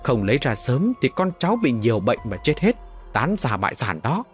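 A man voicing a calm, self-assured young man with occult powers in an audio storybook. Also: mid-range voice, brisk, soft background music, close to an everyday voice.

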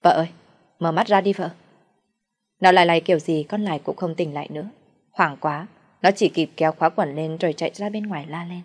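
Woman telling a dark old tale, steady, lowish voice. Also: fairly quick, slightly rough. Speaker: storyteller. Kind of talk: narrating a dark folk tale.

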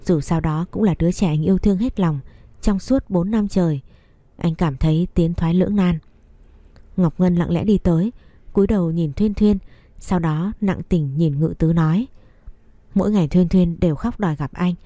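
A woman narrating a story in a steady, even reading voice. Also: lowish voice, normal speed, no room sound.

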